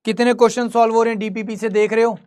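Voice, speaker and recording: A man's voice: very high-pitched, flat delivery, very fast, darkish tone. A man teaching history in a live online class. He talks conversationally, quizzes his students and answers his own questions.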